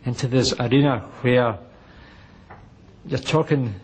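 A man's voice: mid-range voice, unhurried, a little mellow, slight background noise. A man speaking earnestly in an interview, indignant at what he recalls. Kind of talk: interview recollection.

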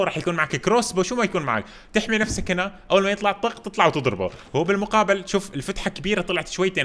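A man's voice: a little high, sharp tone. Hyped young man narrating his gameplay. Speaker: gamer streamer. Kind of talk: excitable gameplay commentary. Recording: music playing under the voice.

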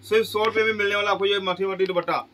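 A middle-aged man pitching goods in a small clothing shop, asking each price aloud and answering it with exclamations. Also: steady tone, very fast, bright, forceful tone, poor audio. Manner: repeats prices as questions, exclaims "wah ji wah". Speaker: shop seller. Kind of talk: sales pitch.

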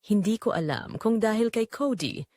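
Telling a scripted first-person romance as a tender young female call center agent, a woman with a Filipino accent sounds heartfelt and wistful. Her voice is a little high and a bit mellow, with lively intonation at normal speed. The recording is dry and clean, studio quality.

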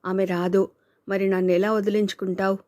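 A woman's voice: mid-range voice, little pitch movement, normal speed, a little mellow, no room sound, studio quality, lightly acted. A woman voicing a caring, outspoken young woman who speaks in a pleading, reproachful way.

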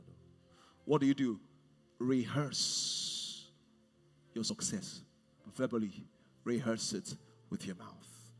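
A man in his forties preaching a sermon on a large church stage, swinging from hushed to loud. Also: on the high side, breathy edge, in a large hall. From Nigeria. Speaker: pastor.

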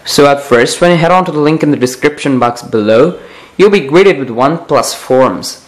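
A young man hosting a casual tech vlog, talking in a halting, rambling way with stretched pauses. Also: a little high, lively intonation, rough recording. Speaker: tech video host. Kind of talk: casual phone software overview vlog.

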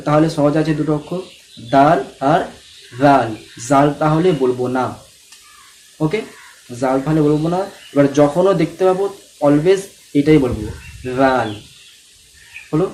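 A man with a slightly high voice who teaches letter pronunciation step by step. He speaks patiently, stretches each letter into a long held sound and keeps checking whether the learners follow. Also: moderate pace, long pauses, a little mellow, slight background noise. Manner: asks the viewer to follow along and checks understanding. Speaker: Quran reading teacher. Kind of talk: step-by-step recitation lesson.

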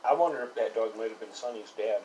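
A man chatting casually with his wife during a home mukbang, talking quietly with his mouth full of chicken. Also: on the low side, quick pace, far from the mic, highs cut off, a little hiss or hum. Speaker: husband co-hosting a mukbang. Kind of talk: casual chat while eating.

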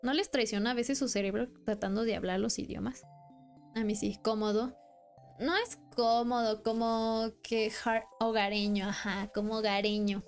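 While she streams a game, this young Mexican-accented woman chats and rambles, laughing often in a casual live-stream style. Her pitch is fairly high, her tone steady, and her pace moderate. Faint music plays behind her.

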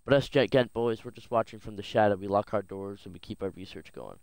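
A man's voice: on the low side, fast talker, creaky, clear, resonant tone, no echo. A man voicing a conspiratorial company engineer, reading a video game note aloud theatrically. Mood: secretive, urgent.

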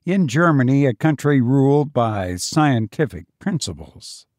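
Slow, expressive male storyteller. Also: mid-range voice, dry recording, clean studio sound. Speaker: host and storyteller. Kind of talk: scripted story narration.

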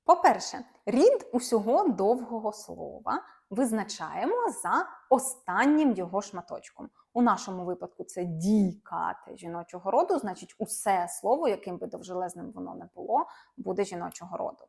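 Animated woman teaching German grammar. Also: medium pitch, normal speed, vocal fry. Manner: lively, emphatic explaining with playful asides. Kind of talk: explaining grammar to viewers.

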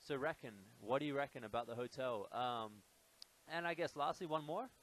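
An Australian man explaining local expressions in a relaxed, hesitant way, with many fillers. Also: medium pitch, fairly quick. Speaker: guest teaching expressions. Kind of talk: casual explanation. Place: hotel room.

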